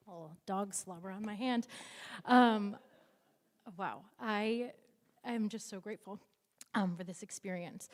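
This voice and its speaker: Woman, earnest graduation remarks, lower pitch, hall reverb. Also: darkish tone. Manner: earnest, filler-laden, with light laughter. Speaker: guide dog graduate. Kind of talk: graduation speech.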